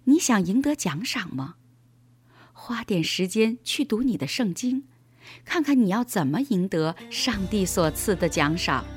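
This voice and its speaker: Husky woman reading to children. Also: mid-range voice, darkish tone, no room sound. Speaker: narrator. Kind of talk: scripted children's devotional reading.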